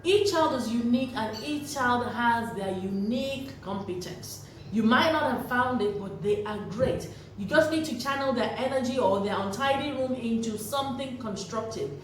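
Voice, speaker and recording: A parenting vlogger speaks to camera with a fairly high, animated voice at a normal pace, giving earnest, preachy advice and repeating key phrases for emphasis. She sounds distant in a very echoey room, with faint noise in the background.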